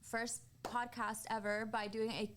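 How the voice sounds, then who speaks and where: A woman in her twenties co-hosts a podcast in a fairly high, bright voice with a level tone and measured pace, against slight background noise. She's casual, candid and informal, often dropping "like" into her sentences.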